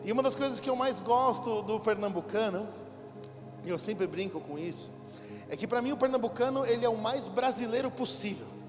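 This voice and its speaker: High-voiced pastor in a reverberant hall. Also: male voice, expressive, fairly quick. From São Paulo, Brazil. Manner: fervent, repetitive prayer addressing God. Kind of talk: sermon and spoken prayer. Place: large church hall at a conference. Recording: hall reverb with music behind.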